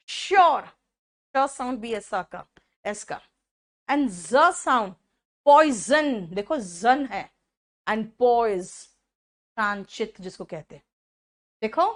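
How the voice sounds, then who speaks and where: A woman's voice: sits high, fairly bright tone. A woman with an Indian accent teaching an online spoken English lesson, repeating each word sound and calling her students "beta".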